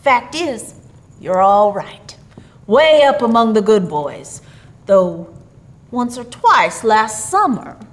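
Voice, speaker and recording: Woman voicing a kindly, folksy Santa Claus, slow drawl. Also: on the high side, sing-song. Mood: reassuring. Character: kindly jolly old Santa Claus, hearty and folksy man.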